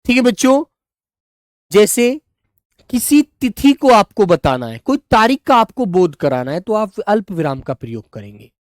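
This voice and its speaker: A woman teaches young children in a live online class, speaking slowly and patiently and stretching her words while she writes. Her voice has a middle pitch and sounds close and dry, with no room around it. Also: very animated, dry recording. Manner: calls students "children" and "dear children" warmly.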